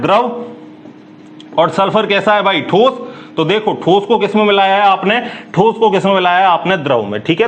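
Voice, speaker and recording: A man teaching a chemistry class, firing quick questions at students and answering them himself in a brisk, chatty way. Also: sits high, highs cut off. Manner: calls listeners "bhai", brisk and chatty. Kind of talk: classroom lecture.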